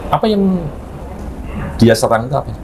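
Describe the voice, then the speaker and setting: A man's voice: mid-range voice, animated, moderate pace, noisy background. A man interviewing a guest, asking short prompting questions. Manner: brief prompting questions and quiet backchannels.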